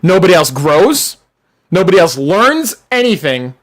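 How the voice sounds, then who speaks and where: A young adult live streamer ranting with heavy swearing and sudden shouts, then reading chat, voice wearing out. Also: mid-range voice, unhurried. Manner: profane, animated ranting, bursts into shouting. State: losing voice.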